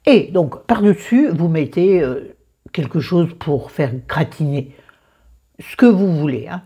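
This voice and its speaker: A woman's voice: sits low, animated, slow pace, warm tone, husky. A woman casually walking viewers through a recipe, chatty and digressive, with joking asides to herself. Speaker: cooking vlogger.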